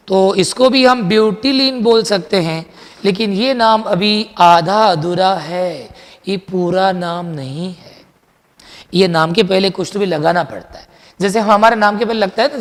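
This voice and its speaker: High-voiced chatty chemistry teacher. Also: male voice, in a large hall. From India. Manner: lively, chatty, mixes Hindi with English terms, quizzes students. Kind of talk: classroom lecture.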